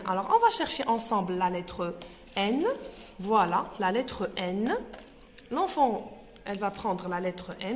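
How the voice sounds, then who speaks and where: In a large hall, a woman whose native language is Arabic hosts and teaches a reading tutorial for young children. Her voice is medium-pitched, and she hesitates with fillers while slowly sounding out syllables.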